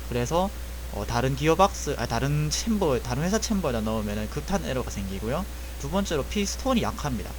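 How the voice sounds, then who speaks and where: On a rough recording with a little hiss or hum, a man with a high-sided voice acts as an airsoft repair tutor in a screen-recorded walkthrough of buying gearbox parts. He explains casually, step by step, often correcting himself mid-sentence.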